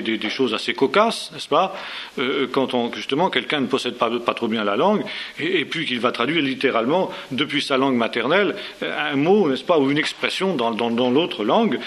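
A man's voice: medium pitch, a bit bright. A man giving an informal spoken lecture, hesitant, with many fillers, repeated words and tag questions. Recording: faint hiss.

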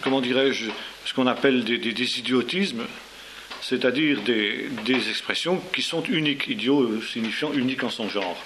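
A man's voice: mid-range voice, normal speed. A man giving an informal spoken lecture, hesitant, with many fillers, repeated words and tag questions. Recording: faint hiss.

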